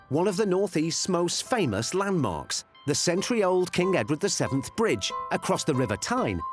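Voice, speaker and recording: Male narrator, scripted documentary read, animated intonation, music underneath. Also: on the high side. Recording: music behind the voice. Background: background music.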